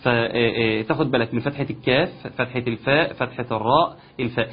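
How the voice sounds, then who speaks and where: A man with an Egyptian accent teaching Quran recitation, explaining each rule step by step and slowly chanting example verses. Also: mid-range voice, a little hiss or hum. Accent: Egyptian Arabic. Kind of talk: recitation lesson. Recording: dull lo-fi sound.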